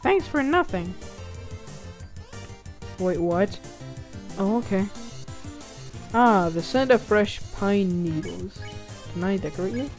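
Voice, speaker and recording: A woman's voice: mid-range voice, darkish tone, faint music behind. Woman reading game text in let's play. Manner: reads game text aloud between quick reactions. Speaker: gaming channel host. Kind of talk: casual let's-play commentary.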